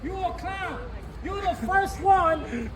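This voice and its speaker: A man in his fifties from New York, heckling at an outdoor rally, shouting and repeating taunts in English and Spanish. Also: very high voice, animated, takes it slowly. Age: 50s. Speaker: street protester. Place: outdoors by a city building. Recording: crowd and street noise. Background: crowd, traffic.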